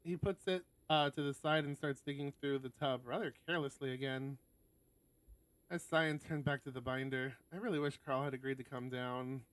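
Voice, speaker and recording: Between narrated passages, this visual novel streamer drops casual asides that sometimes include swearing. His mid-range voice is steady, moderately paced and fairly bright, on a recording that is both dry and rough.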